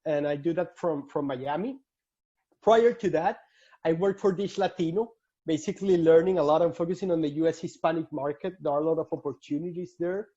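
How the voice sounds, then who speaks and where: High-voiced Venezuelan man presenting slides. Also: a little fast, warm tone, husky. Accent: Venezuelan Spanish. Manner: earnest, frequent restarts. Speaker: alumni speaker. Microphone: video call. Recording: dull lo-fi call audio.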